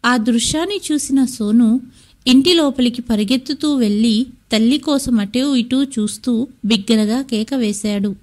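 Lady telling a sad story, fairly high voice, steady and measured. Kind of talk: scripted story narration.

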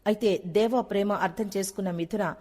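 A woman's voice: mid-range voice, fairly even intonation, a little fast, a little mellow. Woman narrating a serial recap in reverb. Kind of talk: scripted narration.

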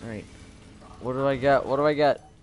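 Young guy doing live gameplay commentary, mid voice, gets loud and yells at teammates a lot, quiet game music behind. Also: medium pitch, fast talker. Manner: excitable, swings from mutters to yelling at teammates. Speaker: gamer.

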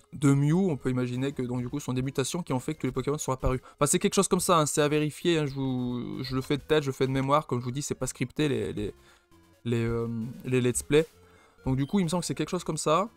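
A man with a French accent hosting an unscripted let's play, thinking aloud with many fillers and restarts. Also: medium pitch. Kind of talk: unscripted gameplay commentary.

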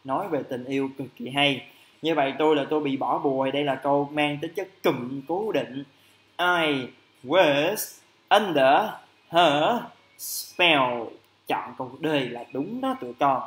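A man teaching an English vocabulary lesson on a livestream, lively and chatty, stretching out English phrases slowly. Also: medium pitch, echoey room.

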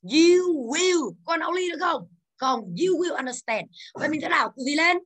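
High bright woman teacher, drills the class with questions. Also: expressive, moderate pace. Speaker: English teacher.

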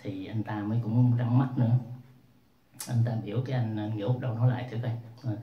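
A man's voice: fairly low pitch, fairly even intonation, fast talker. A man telling a casual story in a rambling way, with many restarts and fillers. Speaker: vlogger. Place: room at home. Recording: roomy, distant, dull sound.

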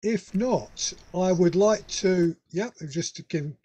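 Hosting a radio club get-together on a video call, this Northern English man speaks slowly in a high-pitched, mellow, husky voice. His talk is casual and full of fillers and restarts.

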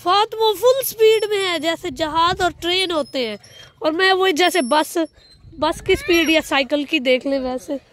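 High-pitched lady from pakistan narrating a family vlog in a park, chatty and giggly. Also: unhurried, a little hiss or hum. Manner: chatty, excitable, laughs a lot. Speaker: family vlogger. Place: outdoor park.

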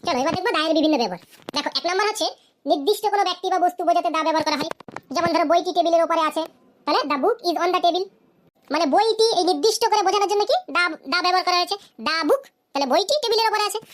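A woman with a very high voice moves quickly through a cartoon grammar lesson, questioning the class again and again and answering herself. She enunciates each English example slowly, with slight background noise behind her.

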